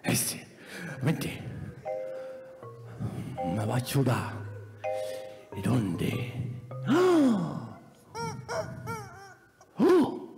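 A man's voice: mid-range voice, huge pitch swings, very slow, gravelly, pauses often. A man doing playful comedy sketch banter, teasing and exclaiming in slang. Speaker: comic performer. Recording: echoey hall with faint music.

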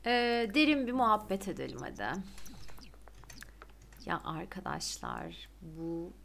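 A young woman streaming a life-sim game, chatting excitedly and gushing to her viewers. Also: medium pitch, slow, creaky. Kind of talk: casual gameplay commentary.

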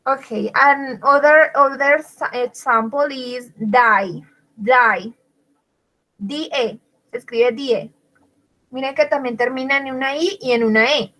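A woman's voice: high voice, slow, sharp tone, poor audio. A woman teaching an English grammar class in Spanish, spelling out words letter by letter and praising her students by name. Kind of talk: online class explaining grammar.

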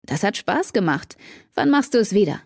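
A woman's voice: medium pitch, big pitch swings, normal speed, vocal fry, a little mellow, slightly rough, dry recording, full character voice. A woman voicing a cocky, teasing teenage boy in an audiobook, read with a dry, close sound. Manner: teasing, smug.

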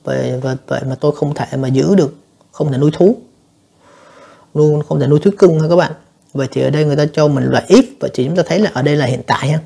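Fast-talking, gravelly male English teacher. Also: on the high side, warm tone. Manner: explanatory, addresses students repeatedly, frequent fillers. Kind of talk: exam review lesson.

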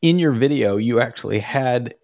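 A man in his forties co-hosts a podcast from a room at home that has a door and a framed picture, chatting casually and tossing in wry jokes. His voice sits mid-range with a darkish tone and moves at a normal speed. He speaks into a studio mic with a pop filter, and the recording is dry.

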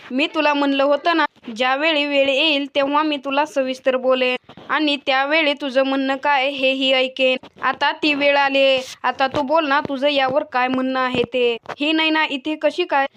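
A woman voicing a furious, suspicious young husband in a retold TV serial, read in a flat way. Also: high voice, a little slow. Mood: angry. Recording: dull lo-fi recording.

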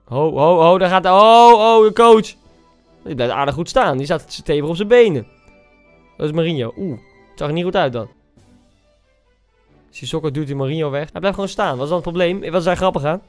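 A young man giving casual reaction commentary on video clips, teasing and incredulous, full of quick exclamations. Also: on the high side, expressive, faint music behind. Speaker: YouTuber.

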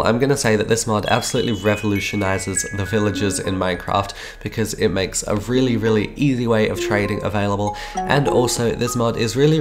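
Sick-sounding man over guitar music. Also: lowish voice. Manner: upbeat, repeats words for emphasis. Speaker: YouTube host. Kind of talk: voice-over game mod showcase. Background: guitar background music.

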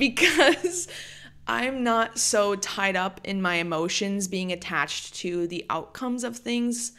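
On her solo podcast, a woman in her late twenties talks casually, peppering her speech with "like." Her voice is medium in pitch, fairly bright, and clean.

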